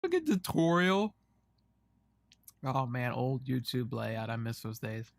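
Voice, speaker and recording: A man's voice: medium pitch, very animated, slow, gravelly, no echo. A man in a video giving wry, profane commentary on memes. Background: music.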